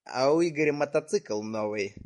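A man's voice: medium pitch, lively intonation, normal speed, a little mellow. A man improvising a prank phone call in a coarse, slangy, taunting way. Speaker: prank caller.

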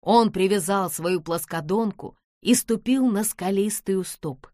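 A woman narrating an audiobook in a steady, expressive reading voice. Her voice sits at a medium pitch, and the sound is dry and close. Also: unhurried, no room sound. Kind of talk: scripted narration.

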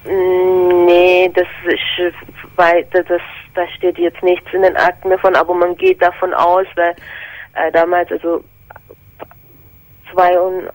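A woman's voice: on the low side, monotone, takes it slowly, no room sound, low-quality recording. A woman in her twenties from Korea, calling a radio show by telephone and speaking hesitantly with frequent fillers. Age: 20s. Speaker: caller.

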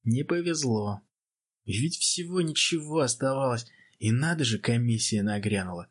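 A man's voice: medium pitch, expressive, normal speed, slightly rough. A man voicing a cheerful young male naval officer who teases his friends in a jaunty way, in an audiobook. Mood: teasing.

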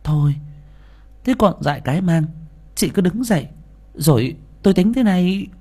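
Man voicing an older village woman, raised pitch, steady, reassuring. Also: moderate pace, slightly rough. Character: calm practical older village woman neighbor.

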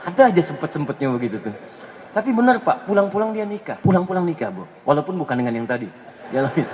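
A high-pitched man preaches a sermon, weaving humorous stories into his teaching. He swings from loud, emphatic lines to quiet asides. His voice rings out with a long reverb, as in a large hall. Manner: lively, shifts between loud emphasis and hushed asides. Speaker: Islamic preacher.

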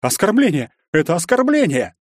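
A man's voice: very animated, a little fast, dry recording, studio quality. A man doing a hissing, sneering young aristocrat bully. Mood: shrill outrage. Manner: hissing, mocking, shrill when shouting.

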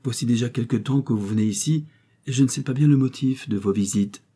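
A man reading aloud and voicing a firm, dignified young widow who speaks calmly and clearly. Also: medium pitch, brisk, pitched above the performer's own voice, lightly acted.

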